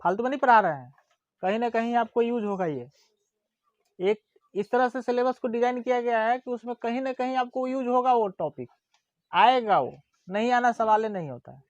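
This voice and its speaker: A teacher giving a grammar lesson, dictating definitions slowly, repeating words and checking that students follow. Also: mid-range voice, no room sound, highs cut off. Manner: slow and deliberate, repeats words and checks understanding; drawls vowels aloud as examples.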